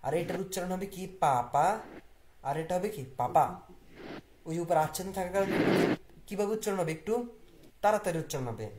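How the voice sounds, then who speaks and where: A language teacher who asks the class questions, answers them, and slowly repeats words to drill them. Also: medium pitch. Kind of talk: classroom vocabulary lesson. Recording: echoey room with faint noise.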